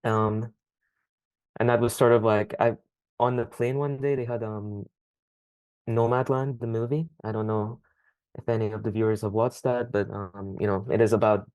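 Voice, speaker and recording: A young man speaks in a low, fairly monotone voice, answering a podcast host's questions at an unhurried pace. He hesitates often with "um" as he thinks aloud. The sound is dry and close, with no room echo. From Scotland. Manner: thoughtful, hesitant, frequent ums. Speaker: podcast guest. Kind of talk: casual interview answers.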